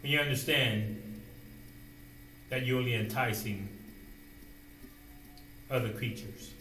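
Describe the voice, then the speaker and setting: Man, preacher, sermon, rhetorical questions, sudden quiet drops, bright ringing tone, roomy echo. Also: medium pitch, slow, distant mic, a little hiss or hum. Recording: roomy echo, voice away from the mic, faint ambience.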